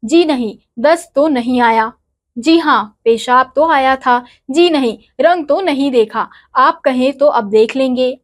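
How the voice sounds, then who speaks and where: A woman's voice: high-pitched, a little slow. A woman voicing a worried middle-aged father answering a doctor politely and hurriedly on the phone. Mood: fretful.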